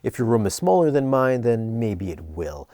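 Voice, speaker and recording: A man narrating an equipment review in a conversational but scripted, measured, explanatory way. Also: medium pitch, sing-song, very noisy.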